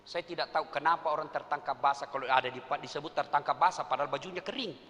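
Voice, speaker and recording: A man's voice: on the high side, fast, a little hiss or hum. A male preacher giving a comic sermon in a large hall, joking and speaking straight to the crowd, heard with a long reverb and faint ambience. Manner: animated, joking, addressing the crowd directly.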